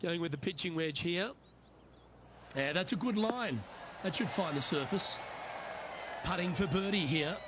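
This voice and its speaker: A television golf commentator for a video game, with a fairly high male voice. He gives measured, short play-by-play calls over clearly audible outdoor background noise. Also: animated, a loud crowd. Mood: composed, admiring.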